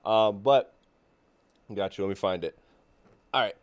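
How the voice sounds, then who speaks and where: A man hosting a casual podcast chat with friends, relaxed and slangy, laughing often. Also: lowish voice, a little slow, clean tone. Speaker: podcast host.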